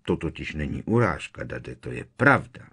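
A man voicing a sharp-tongued, defiant teenage boy who needles with sarcasm. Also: rumbling low, very animated, gravelly, husky, voice pushed down, full character voice. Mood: mocking.

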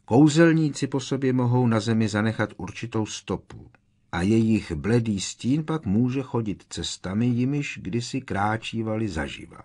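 A man voicing a sorrowful old gentleman ghost who speaks quietly and hesitantly in an audiobook. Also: lowish voice, very animated. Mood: mournful. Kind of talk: audiobook character reading.

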